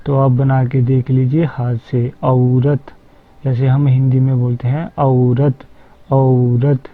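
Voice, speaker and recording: A man teaching a language lesson, patiently repeating each sound slowly and explaining step by step. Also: mid-range voice, little pitch movement. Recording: tinny phone-like audio.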